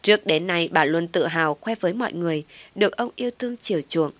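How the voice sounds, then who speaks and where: A woman narrating a first-person family drama story in a calm, steady way. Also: on the low side, fast talker, no echo.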